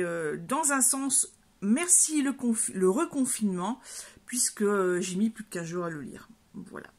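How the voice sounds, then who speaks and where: A woman book vlogger in casual chat at home, rambling with lots of fillers and restarts. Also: medium pitch. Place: at home, by her bed.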